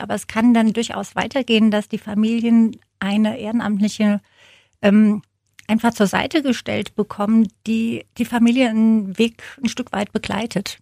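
A woman's voice: mid-range voice, creaky, a little mellow, no echo. A woman being interviewed in a studio, explaining things earnestly with plain everyday examples. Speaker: interview guest, hospice service coordinator. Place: radio studio.

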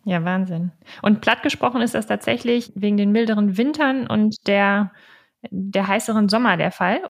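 Eine Frau, Podcast-Moderatorin, die mit kurzen Einwürfen und Nachfragen das Interview führt. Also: female voice, mid-range voice, normal speed, gravelly. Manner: short attentive interjections and follow-up questions. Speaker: podcast host.

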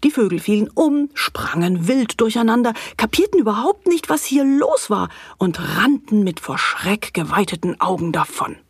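Kids' audio story narrator: woman, husky voice, very lively delivery, dry close sound. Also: medium pitch, moderate pace, few pauses, no room sound. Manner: playful, animated storyteller. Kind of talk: expressive children's story narration.

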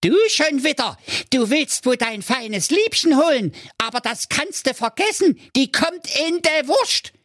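A man's voice: very high-pitched, lively intonation, measured pace, a bit bright, no echo, clean studio sound, pitched above the performer's own voice, full character voice. A man voicing a furious, crude old witch in a comic storybook tale, screeching and scolding. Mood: furious taunting. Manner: screeching, wildly angry.

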